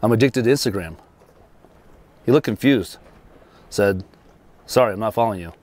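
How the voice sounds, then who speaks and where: A man's voice: on the low side, moderate pace, a little mellow. A middle-aged man, telling short jokes outdoors. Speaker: dad-joke teller. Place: outdoors on a lakeside dock.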